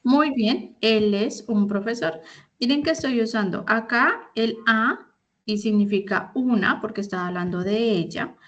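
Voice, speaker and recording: A woman's voice: a little high, a little slow, lo-fi sound. A woman in her thirties, an English teacher giving an online class, explaining step by step and often checking that her students follow. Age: 30s. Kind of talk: online class instruction in Spanish.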